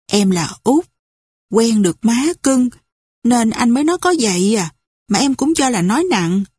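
A woman voicing a young male fighter who speaks gently and reassuringly. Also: on the high side, lively intonation, normal speed, slightly rough, no echo, clean studio sound. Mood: gentle.

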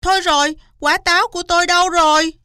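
A woman's voice: measured pace, sharp tone, dry recording, studio quality. A woman voicing a sly, boastful male fox who whines and fake-cries in a storybook reading. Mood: whiny. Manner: high, shrill, wailing and whining.

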